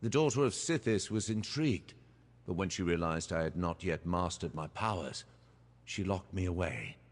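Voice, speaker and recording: An actor playing a suave, haughty male vampire in a video game, speaking in a measured, formal and disdainful way. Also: deep voice, expressive, big-room sound. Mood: persuasive.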